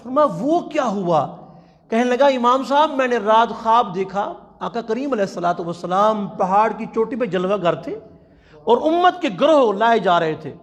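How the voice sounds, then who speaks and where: A man preaching a sermon at a religious conference in a mosque, telling stories with passion and chanting quotations slowly. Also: sits high, lively intonation. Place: large mosque. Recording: long hall reverb.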